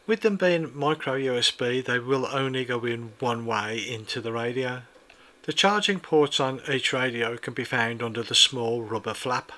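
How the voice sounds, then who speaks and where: Reading a product review from a script, a man with a bright, clear tone speaks in a measured, precise way. At an even middle pitch, he walks through each feature and button step by step.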